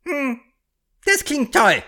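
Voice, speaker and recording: A woman's voice: big pitch swings, sharp tone, full character voice. A woman voicing a dim-witted cheerful squirrel. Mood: naive. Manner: confused, slow and rambling, wildly swooping pitch. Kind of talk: audio story character acting.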